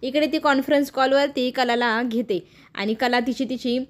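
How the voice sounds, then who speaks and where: Woman with a high voice racing through a tv serial recap, jumps into characters' lines now and then. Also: steady tone. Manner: brisk retelling that slips into characters' quoted lines. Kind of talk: storytelling recap of a TV serial episode.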